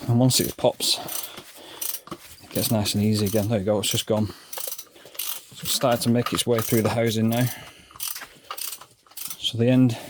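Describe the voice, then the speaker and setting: A man's voice: on the low side, little pitch movement, a little slow, long pauses, noisy background. A man giving casual step-by-step commentary as he works on car parts in his home garage, talking himself through each task. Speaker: DIY car mechanic vlogger.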